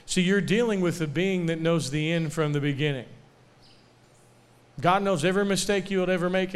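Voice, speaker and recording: A young man preaching a sermon at a camp, asking for amens and slowing down to stress key lines. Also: high-pitched. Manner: call-and-response, asking for amens; slows down to stress key phrases. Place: camp meeting.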